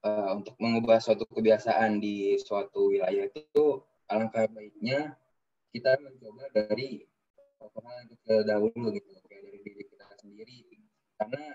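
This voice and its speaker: Young guy student on a video call, lowish voice, lots of fillers, audio choppy and cutting out, muffled. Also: fairly even intonation, normal speed, warm tone, distant mic. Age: young adult. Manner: casual, hesitant, many fillers. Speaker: university student presenting for his group. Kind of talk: online class discussion.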